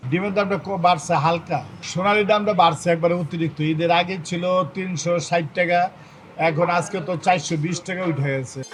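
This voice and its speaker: A man's voice: sits high, steady tone, fairly quick, slight background noise. A male chicken seller speaking plainly and matter-of-factly in a market interview. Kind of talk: street interview.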